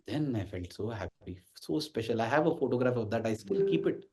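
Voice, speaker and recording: This man's medium-pitched, dark voice is animated and brisk. In his forties and with an Indian English accent, he's an invited speaker delivering a forceful devotional talk to a congregation, voicing the characters in his stories.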